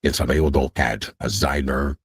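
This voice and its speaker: A man speaking as a guest through a voice changer that shifts his voice very deep, talking haltingly with many filler sounds in a casual online interview. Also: slightly rough, no echo, clean studio sound. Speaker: guest representing a project.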